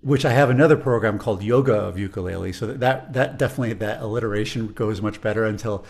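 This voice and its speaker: Gravelly low-voiced man with a Chicago accent. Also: fast talker, a little mellow. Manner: thoughtful, rambling, repeats words as he thinks. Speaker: music teacher. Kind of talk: casual interview talk.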